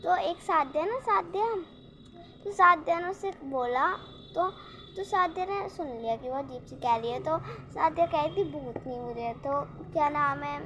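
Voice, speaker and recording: A young woman vlogger telling a rambling, excitable story about her day in casual chat. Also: high voice, moderate pace, a crowd in the background. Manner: rambling, restarts often, excitable retelling.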